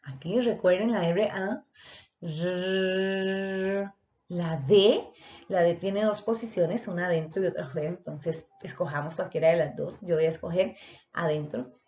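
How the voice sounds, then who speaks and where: A woman's voice: fairly low pitch, normal speed, mellow. A woman teacher, explaining a lesson and speaking directly to her students. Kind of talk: online voice lesson. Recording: dull lo-fi recording.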